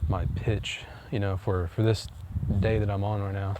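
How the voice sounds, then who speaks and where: A man's voice: on the low side, flat delivery, normal speed. A man vlogging outdoors on a walk, talking in a rambling, hesitant way full of fillers and restarts. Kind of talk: casual chat while walking. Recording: loud wind noise on the mic.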